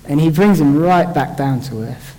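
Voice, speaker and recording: A man's voice: fairly high pitch, moderate pace, warm tone. A young man giving an informal, jokey Bible talk as a church speaker, thinking aloud with restarts. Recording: long hall reverb.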